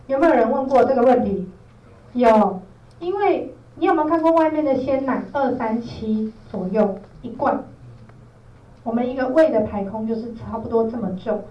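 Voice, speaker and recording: A woman's voice: fairly high pitch, lively intonation, moderate pace. A woman with a Taiwanese Mandarin accent gives an informal training lecture, explaining things step by step and checking in with her listeners. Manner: explanatory, often checks with listeners using tag questions. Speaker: product trainer, presenter. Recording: roomy echo, distant mic, dull, faint noise.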